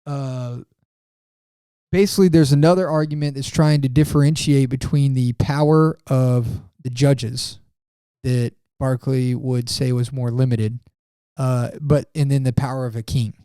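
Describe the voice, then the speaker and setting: Halting, mellow-voiced male podcast co-host. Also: medium pitch, steady tone, clear, resonant tone, no room sound, studio quality. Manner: halting, many fillers and restarts. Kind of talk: casual theology discussion.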